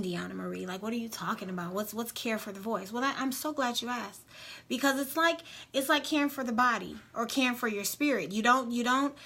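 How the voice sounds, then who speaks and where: A woman's voice: mid-range voice, bright, forceful tone. A young woman who works as a vocal coach, talking casually to the camera in a chatty, rambling way, full of restarts and fillers.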